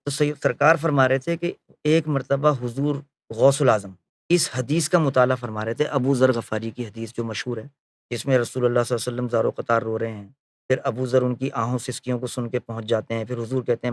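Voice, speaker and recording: Recalling a spiritual leader, a man narrates in a medium-pitched voice with fairly even intonation, performing the dialogue he quotes. He pauses on fillers and corrects himself often, and the recording is dry.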